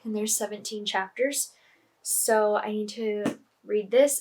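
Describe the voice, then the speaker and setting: Girl chatting about her reads on lunch break, kinda high voice, lots of ums. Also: slight background noise, low-quality recording. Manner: chatty, rambling, many fillers. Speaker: book vlogger. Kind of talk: casual vlog chat.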